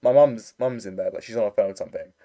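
A man's voice: fairly low pitch, fast talker, warm tone. A young man, telling a rambling story in casual chat over a voice call, full of fillers. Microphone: computer mic on a voice call.

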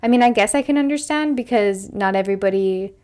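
A woman's voice: mid-range voice, fast, over a noisy crowd. Chatty young woman co-hosting a podcast. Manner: chatty, lots of "like" fillers. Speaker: podcast co-host. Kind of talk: casual chat.

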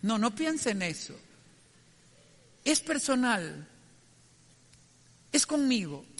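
A man's voice: extremely high pitch, sing-song, slow, a bit bright, long reverb tail. A man giving a devotional message in an earnest, reflective way, putting direct questions to his listeners. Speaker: preacher.

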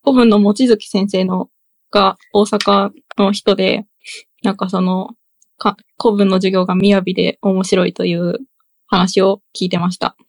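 A woman's voice: medium pitch, flat delivery, measured pace, vocal fry, dry recording. A woman hosting a casual podcast chat, hesitant and full of fillers. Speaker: podcast host.

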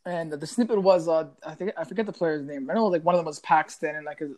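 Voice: medium pitch, quick pace, a little mellow. A podcast co-host chatting loosely about sports, full of fillers like bro and like. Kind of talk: casual sports podcast chat.

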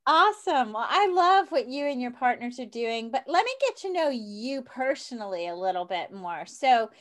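A woman's voice: on the high side, sing-song, normal speed, fairly bright tone. A woman in her fifties hosting an interview show, chatty and upbeat, laughing often. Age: 50s. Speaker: podcast host. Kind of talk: interview chat.

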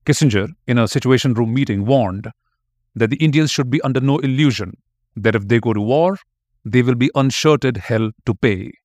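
A man's voice: mid-range voice, normal speed, a little mellow, dry recording, clean studio sound. A man giving scripted narration as a history podcast narrator, reading out quotes in a storytelling tone.

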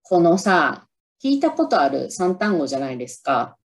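A woman's voice: low-pitched, sing-song, normal speed. A Japanese woman casually talking about a favorite film on her own podcast, upbeat and chatty, now and then trying out English lines aloud. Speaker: podcast host. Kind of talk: casual solo movie review talk.

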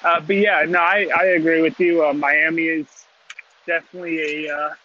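A man's voice: fairly high pitch, flat delivery, moderate pace, bright, forceful tone. A man co-hosting a casual chat over a call with a bad connection that keeps breaking up, talking hesitantly with plenty of fillers. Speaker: podcast co-host calling in. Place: outdoors, then moves inside. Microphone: remote call. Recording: dull lo-fi call audio.

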